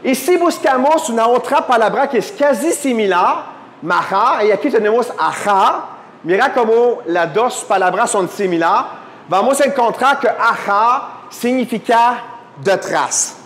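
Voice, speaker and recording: Man, Bible teacher, high voice, long reverberant hall, quizzes the class. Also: unhurried, fairly bright tone, slight background noise. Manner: asks the class questions, drops English fillers. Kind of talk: lecture to a live class. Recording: echoey hall.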